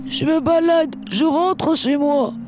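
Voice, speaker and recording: A woman voicing a grieving older man who stays calm through fear, in a slow first-person dramatic reading. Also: high-pitched, background noise. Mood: somber. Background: background music.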